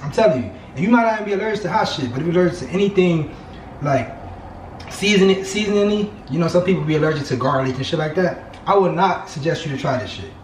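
A man's voice: fairly high pitch, lively intonation, fast talker. A man in his thirties in casual vlog chat, swearing and repeating himself, his mouth burning from spicy food. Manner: slangy, swearing, emphatic repetition. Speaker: vlog host. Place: home kitchen. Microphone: camera mic, few feet away. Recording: roomy, distant mic, faint noise.

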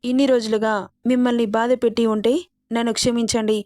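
A proud young heroine, deeply wounded yet standing her ground with earnest defiance, as a woman storyteller voices her. The voice sits fairly high and is recorded dry and close, with no room sound. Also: level tone, fairly quick, warm tone, no room sound, lightly acted. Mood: hurt, defiant. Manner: pleading then defiant, earnest.

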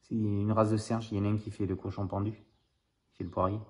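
Reading a picture book aloud in a lowish, brisk voice, a man talks straight to the young children listening and then quizzes them. He's animated, and the room is big and echoey.

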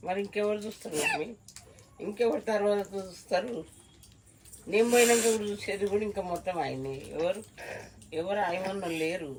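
A woman's voice: medium pitch, moderate pace, far from the mic, background noise. An older woman with a Telangana accent, answering questions plainly in a casual family chat. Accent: Telangana Telugu.

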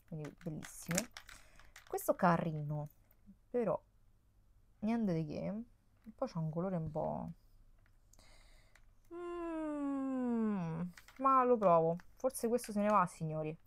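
A young woman, talking casually at home on a bed. Her low, gravelly voice keeps up a lively, exclamatory chatter as she sorts through her makeup, reaching a camera mic with her face out of frame. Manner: chatty, exclamatory, laughs often. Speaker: beauty vlogger. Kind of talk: casual chat while decluttering makeup. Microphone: camera mic, face off-screen.

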